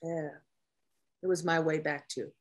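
A woman voices a reserved, masculine-presenting Navy officer during a table read for a drama. Her low voice stays level, dry and measured, carrying a reflective mood.

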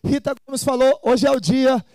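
A man's voice: very high voice, normal speed, dark tone, dry recording. A man hosting a live motivational seminar, energetically urging the crowd to call out and repeat phrases. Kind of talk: live seminar pep talk.

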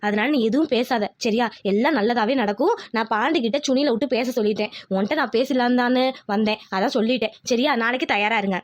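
A woman voicing a bossy, scheming village mother-in-law in a cartoon, talking quickly and insistently. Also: on the high side, close to an everyday voice. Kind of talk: cartoon voice acting.

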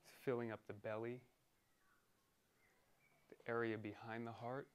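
A man guides a meditation in a soothing, deliberate way, pausing between short phrases. His voice is mid-range and smooth, with little movement in pitch.

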